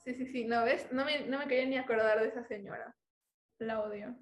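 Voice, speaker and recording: A woman's voice: on the high side, steady tone, brisk, a little hiss or hum. A woman in casual chat, rambling and self-mocking, laughing at herself. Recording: echoey room.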